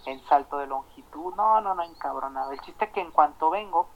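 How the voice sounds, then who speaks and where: A man with a Mexican accent telling a story in casual chat, animated and swearing, acting out the dialogue. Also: on the high side, normal speed, vocal fry, muffled recording, a little hiss or hum.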